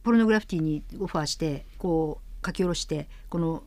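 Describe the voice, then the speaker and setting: A woman hosting a radio interview, brisk and attentive, with frequent short backchannels. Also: low-pitched, darkish tone, no room sound. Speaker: radio host.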